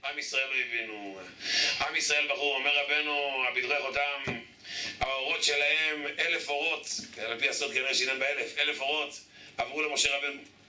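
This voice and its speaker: A man's voice: medium pitch, fairly even intonation, sharp tone. A man preaching a sermon as a rabbi, firing repeated rhetorical questions at his congregation. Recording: echoey room, distant mic, background noise.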